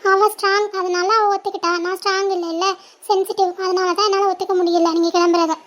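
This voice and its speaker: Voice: very high voice, little pitch movement, fairly quick, a bit bright. A performer voicing a little girl who pleads tearfully with her family not to leave. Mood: tearful pleading. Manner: pleading, sobbing speech.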